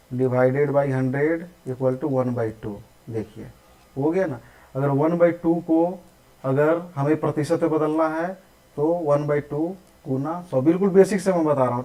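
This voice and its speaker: Patient Hindi maths teacher, repeating steps. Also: male voice, on the high side, darkish tone, poor audio. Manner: patient, repeats steps, says "ठीक है" often. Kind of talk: live online maths lesson.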